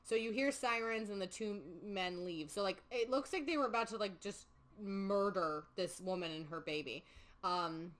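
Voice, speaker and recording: A young woman hosting a podcast, retelling a film in casual, animated chat with lots of fillers. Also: medium pitch, normal speed, low-quality recording. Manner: chatty, animated storytelling with many fillers. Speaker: podcast host. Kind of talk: casual movie recap chat.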